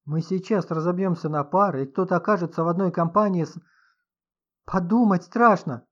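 A man's voice: sits high, fast talker, dull audio, voice pushed up, lightly acted. A man reading an audiobook, voicing a nervous, easily frightened elderly woman writer. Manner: fretful, squealing when scared.

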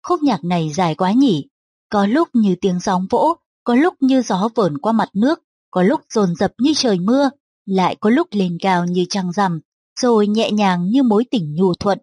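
A woman's voice: medium pitch, animated, normal speed, warm tone, husky, no echo. A woman reading the lines of a thoughtful, eloquent young nobleman in a storybook. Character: young nobleman, curious and sure of himself.

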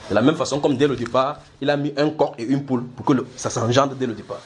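A man's voice: mid-range voice, steady tone, quick pace. A man preaching, teaching the Bible by asking his listeners questions, repeating words and pressing his points with energy. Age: adult.

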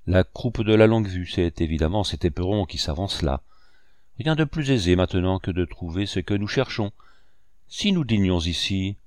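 A man voicing Long John Silver, a cunning pirate leader who speaks gruff and coaxing while forcing bravado. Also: low-pitched, animated, moderate pace, darkish tone, no room sound, clean studio sound. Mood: scheming. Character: cunning one-legged pirate leader, old sea cook.

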